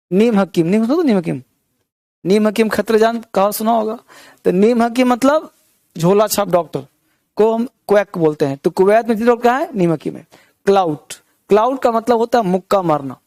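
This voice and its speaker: A man's voice: high voice, darkish tone, dry recording. A man teaching English vocabulary, repeating words with memory tricks and quizzing his listeners. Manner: repeats words with rhymes and memory tricks, asks the class questions. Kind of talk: vocabulary lesson.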